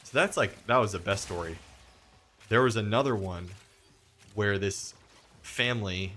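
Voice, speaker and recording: A young man hosting a gaming stream tells rambling stories in casual chat, acting out the voices of people he quotes. His voice is on the low side, sharp in tone, at a measured pace.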